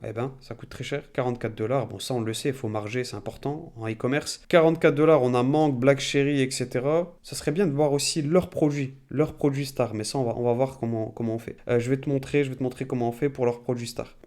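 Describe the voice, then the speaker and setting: A man's voice: medium pitch, steady tone, fast, hardly any pauses, a little mellow. A man giving a casual screen-share tutorial, thinking aloud and talking straight to the viewer with many fillers. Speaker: e-commerce YouTuber.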